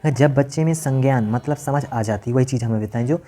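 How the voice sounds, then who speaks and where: Man teaching a lecture, warm mellow voice. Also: mid-range voice, fairly quick, faint music behind. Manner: explains point by point, repeats lines, asks and answers his own questions. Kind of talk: exam-prep lecture.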